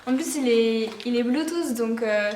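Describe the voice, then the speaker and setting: A teenage girl vlogs about her presents in an excited, rambling way, full of fillers and false starts. Her voice sits a touch high. The room is echoey and she is some distance from the microphone. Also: unhurried, noisy background. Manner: bubbly, rambling, many fillers and restarts. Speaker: vlogger. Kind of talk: casual gift haul vlog.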